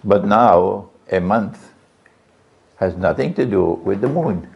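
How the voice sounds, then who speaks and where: A man's voice: animated, slow, creaky, husky. A man preaching a sermon, questioning his audience often. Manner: questions the audience, varies his pitch widely. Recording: lo-fi, dull sound.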